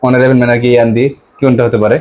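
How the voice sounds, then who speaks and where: A man's voice: medium pitch, flat delivery, darkish tone, lo-fi sound. A male teacher from West Bengal, teaching an English grammar lesson to a class, asking pupils questions and repeating their answers. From West Bengal, India. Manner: reads English examples slowly.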